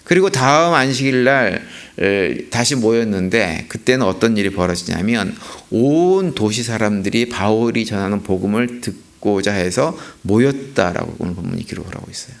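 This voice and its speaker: A man's voice: fairly low pitch, lively intonation, moderate pace, vocal fry. A man preaching a sermon as a pastor, asking rhetorical questions and repeating key points for emphasis. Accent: Korean. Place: church sanctuary.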